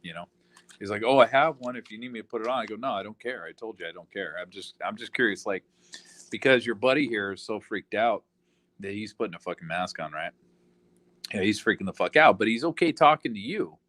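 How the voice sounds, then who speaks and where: Low-voiced man ranting, profane and rambling, on a close dry mic. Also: expressive, a little fast, a bit bright, no room sound. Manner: profane, rambling, heavy fillers. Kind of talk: casual ranting monologue.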